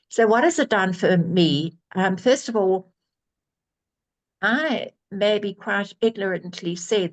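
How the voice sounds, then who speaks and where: Casting: woman, 70s, earnest testimony on a video call, slightly low voice. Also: lo-fi sound. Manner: earnest and emphatic, with repeated restarts. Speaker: guest sharing a testimonial. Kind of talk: personal testimony on a group call.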